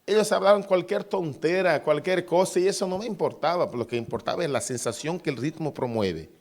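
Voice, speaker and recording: A man preaching a sermon on worship music, animated, imitating rhythms with spoken syllables and humming melodies, calling listeners brother. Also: on the high side, a little fast. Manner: animated, mimics beats with syllables and hums tunes.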